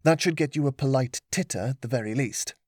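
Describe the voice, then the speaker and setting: A man's voice: medium pitch, a little fast, darkish tone, slightly rough, dry recording, lightly acted. A man reading aloud voices a patient male mentor who teaches with dry, teasing humour. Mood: wry.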